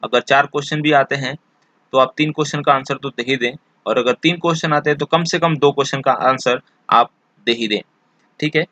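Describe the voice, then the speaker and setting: A man teaching an exam-prep lesson, explaining slowly and repeating each point with many fillers. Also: medium pitch, fairly even intonation, sharp tone, no room sound.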